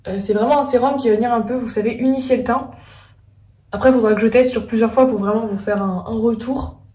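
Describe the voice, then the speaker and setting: A woman's voice: fairly high pitch, fairly even intonation, fast talker, mellow. Chatty woman vlogger in an echoey room. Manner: chatty, frequent filler "euh", thinking aloud. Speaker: beauty vlogger. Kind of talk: casual makeup tutorial chat. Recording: echoey room, voice a bit far from mic.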